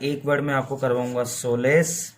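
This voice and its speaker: A young man teaches English words in a chatty, informal lesson. He drills each meaning over and over, poses questions to his students and answers them himself. His voice sits at an ordinary middle pitch. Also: little pitch movement, normal speed, slight background noise. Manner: repetitive, asks questions and answers them himself, playful mnemonics. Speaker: vocabulary teacher. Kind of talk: informal Hindi-medium lesson.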